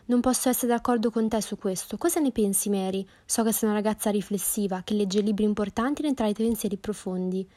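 A woman's voice: mid-range voice, steady tone, fast, hardly any pauses, dark tone, natural voice. A woman narrator voicing a dry, teasing father with an ironic manner in an audiobook. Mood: wry. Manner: ironic, mocking. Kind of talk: audiobook character voice.

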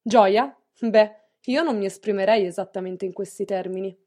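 A woman's voice: on the high side, moderate pace, dark tone, close to an everyday voice. A woman reading an audiobook, voicing a stern, wealthy middle-aged mistress who speaks curtly and severely. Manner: curt, severe, clipped.

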